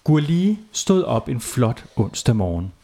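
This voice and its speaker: A man narrating a playful children's bedtime story, animated and laughing at his own jokes. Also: medium pitch, background noise.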